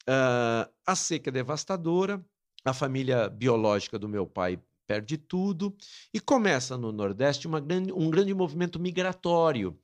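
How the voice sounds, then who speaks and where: A man's voice: medium pitch, animated, unhurried. A middle-aged Brazilian man, a guest in an interview, earnestly telling an emotional family story. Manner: earnest, emotional, dramatic retelling. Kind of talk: personal storytelling.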